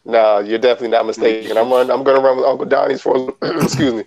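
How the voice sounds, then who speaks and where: A man's voice: mid-range voice, level tone, fast, a crowd in the background, low-quality recording. A man in casual live stream chat, reading viewer questions, easygoing and hesitant.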